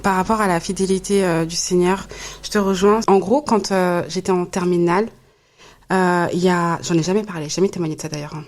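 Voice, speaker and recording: A woman's voice: lowish voice, fairly even intonation, brisk. A woman co-hosting a podcast, telling a personal story in a confiding, hesitant way. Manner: hesitant, confiding, many fillers. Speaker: podcast co-host. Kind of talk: personal testimony in casual chat.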